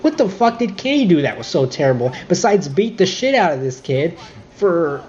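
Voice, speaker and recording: A man's voice: high voice, very animated, moderate pace, a little mellow, highs cut off. A young man reviewing a game in a casual, irritated rant full of swearing and nitpicks.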